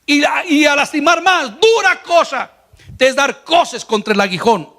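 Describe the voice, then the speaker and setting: A man's voice: very high voice, animated, normal speed, sharp tone. A man preaching a sermon in Spanish as pastor, earnest, his voice lifting when he retells scenes. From Latin America. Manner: earnest preaching, voice rising on quoted lines.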